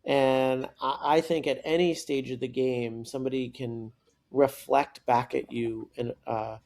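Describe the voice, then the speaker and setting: Brief: man in his forties, podcast guest, gravelly and mellow, animated storyteller who restarts sentences. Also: mid-range voice, unhurried. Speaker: guest, startup coach and author.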